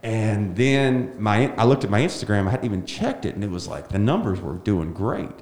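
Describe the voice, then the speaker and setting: A man's voice: lowish voice, moderate pace. A man, a comedian telling a long story in an interview and acting out what people said. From Alabama. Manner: animated storyteller, acts out quotes. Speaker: comedian guest. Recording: roomy echo.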